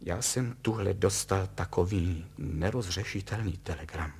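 A man voicing a worried middle-aged father who speaks hesitantly and formally, with a gravelly low voice. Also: darkish tone, full character voice. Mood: uneasy.

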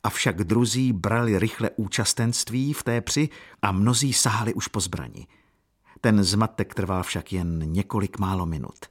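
A man narrating a classic novel in a measured, expressive audiobook reading. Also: lowish voice, slightly rough.

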